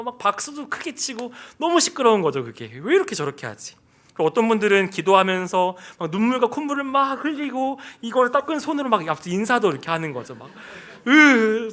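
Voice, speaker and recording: A man's voice: very high-pitched, fairly bright tone. A man in his thirties preaching a sermon in a church sanctuary, telling a personal story and acting out the voices of people in it. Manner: storytelling, acts out quoted voices.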